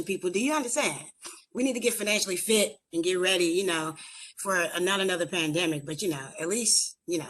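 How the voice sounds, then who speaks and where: Low-voiced woman hosting a virtual roundtable. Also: a bit bright, slight background noise. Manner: conversational, stumbling over names and titles, many uhs. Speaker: veterans roundtable host. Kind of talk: virtual meeting moderation.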